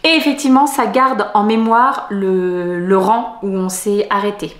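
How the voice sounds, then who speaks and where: A middle-aged woman from France chatting in a casual knitting vlog, rambling with many hesitations and soft laughs. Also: medium pitch, fairly even intonation, measured pace, reverberant. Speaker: knitting vlogger.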